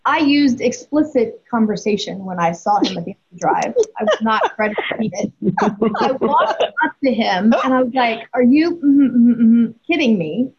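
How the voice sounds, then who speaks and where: A woman's voice: on the high side, animated, normal speed, breathy edge. A woman in her forties, speaking as a guest and telling a story candidly, with emphasis and frequent restarts. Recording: dull lo-fi audio.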